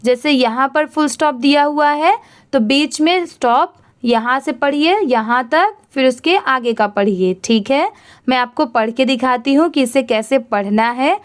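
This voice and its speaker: Slow, clear-voiced Indian woman teaching. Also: high-pitched. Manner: spells words letter by letter, then asks and answers how to pronounce them. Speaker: English reading teacher. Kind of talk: slow spelling-out reading lesson.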